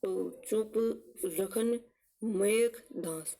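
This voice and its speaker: A woman leads an exam-prep lesson in a warm, mid-range voice, captured on a low-quality recording. Working slowly, she asks rhetorical questions and answers them, using memory tricks and repetition to drill the terms.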